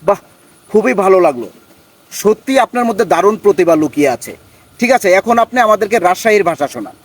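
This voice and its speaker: Man, interviewer, formal standard speech, high voice, quick pace. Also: expressive, slightly rough. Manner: formal, praising, standard Bengali. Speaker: interviewer, journalist. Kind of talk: interview, presenter.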